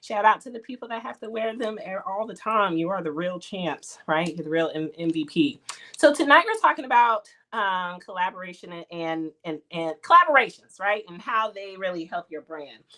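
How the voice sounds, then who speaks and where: A woman's voice: medium pitch, animated, normal speed, pushed and bright. A woman, hosting a casual livestream and chatting with viewers. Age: 40s. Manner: chatty, Southern-tinged "y'all" slang, laughs often. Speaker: livestream host.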